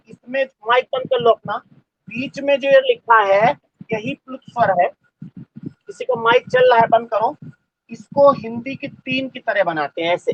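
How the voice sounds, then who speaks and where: A male teacher giving a live online class, dictating slowly and repeating phrases for students to write down. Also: very high-pitched, gravelly, dry recording. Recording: dull lo-fi audio.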